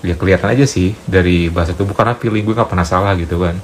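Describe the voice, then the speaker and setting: A man's voice: low voice, racing, a little hiss or hum. A young man casually telling a personal story to viewers, chatty and playful. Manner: chatty, animated retelling with playful asides. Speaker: storyteller vlogger.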